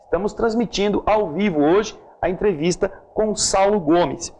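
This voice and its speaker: A man hosting a live TV interview, greeting viewers and asking halting questions. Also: sits high, a little mellow. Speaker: TV host.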